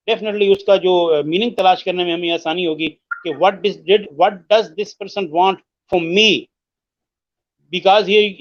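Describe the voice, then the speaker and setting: A man with a notably high voice walks through English listening skills, pausing often and trying out words aloud to show their stress. The sound is dry and dull, like lo-fi online call audio. His delivery is patient and explanatory. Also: dry recording. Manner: explains slowly with many hesitations and mixes in English phrases; demonstrates word stress by repeating words. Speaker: English teacher.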